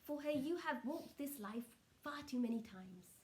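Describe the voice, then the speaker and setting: A woman speaking as a trance channelling seance medium, solemn and measured, delivering spiritual messages in short halting phrases. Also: high voice, expressive, slight background noise.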